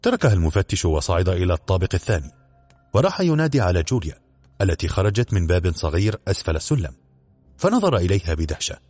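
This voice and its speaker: A man reading a mystery novel aloud as the narrator, in a steady, measured way. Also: low voice, husky, dry recording, soft background music. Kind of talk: scripted audiobook narration.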